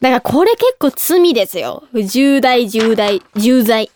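A young woman hosting a casual radio talk show, reading listener mail with a bubbly, giggly, animated manner. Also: fairly high pitch, measured pace, a little hiss or hum. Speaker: idol radio host.

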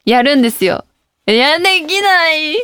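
A woman's voice: high-pitched, lively intonation, moderate pace, fairly bright tone. A young woman hosting a casual radio talk show, reading listener mail and joking about herself with frequent laughs. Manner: playful, self-mocking, laughs often.

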